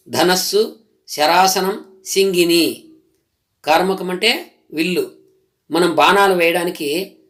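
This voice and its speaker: A man gives a slow, careful grammar lesson with a slightly high voice. He names each word on its own, then stops to explain what it means. His tone stays patient and steady from start to finish. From Telugu-speaking region of India. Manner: lists words one by one, explaining each patiently. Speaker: Telugu grammar teacher.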